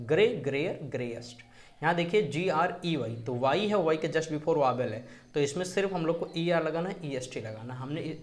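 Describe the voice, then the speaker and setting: A man with a Hindi accent teaching an English grammar lesson, repeating example words slowly several times. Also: fairly high pitch. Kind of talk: classroom-style grammar lesson.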